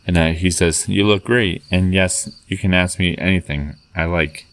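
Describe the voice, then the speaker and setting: A man telling a personal story in a halting way, with many fillers and restarts, reading out old chat messages. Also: low voice, steady tone, fairly bright tone.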